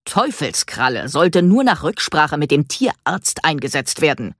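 A woman's voice: deep voice, sing-song, a little slow, a bit bright, no echo, clean studio sound, heavily acted. A woman voicing a stern, evasive male veterinarian who speaks in a curt, lecturing way.

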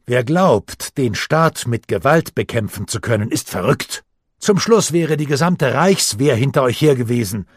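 A stern, commanding middle-aged uncle, read by a man in a husky voice, laying down hard truths to his nephew with rising force. The sound is close and dry. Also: medium pitch, animated, measured pace, dry recording. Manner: firm, commanding, lecturing.

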